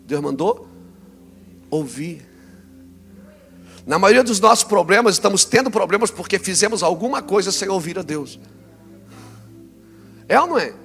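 A man preaching a sermon, swinging between loud exclamations and quiet, low passages. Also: creaky, long reverb tail.

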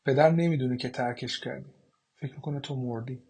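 Audiobook role: a defensive young daughter, read by a man, husky, tense delivery. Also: medium pitch, fairly even intonation, darkish tone. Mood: subdued. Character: shocked young woman, a daughter.

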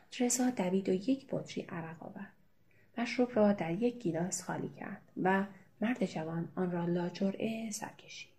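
A woman reads a novel aloud in a calm, measured way, her voice mellow and darkly warm. The delivery stays even and steady, like a careful audiobook narration. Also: lowish voice.

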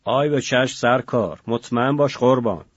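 A man's voice: medium pitch, husky, no room sound, dull audio, lightly acted. A man doing a drawling street-tough old prisoner. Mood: mock-welcoming. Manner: drawling, cocky, mock-sweet. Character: rough, brazen older male street-tough prisoner.

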